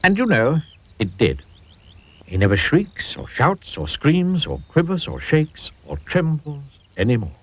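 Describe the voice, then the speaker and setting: A man reads a children's story aloud with a very lively, sing-song voice that sits a little higher than most. His reading is playful and expressive, and the sound is dull and lo-fi. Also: a little slow. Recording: dull lo-fi audio.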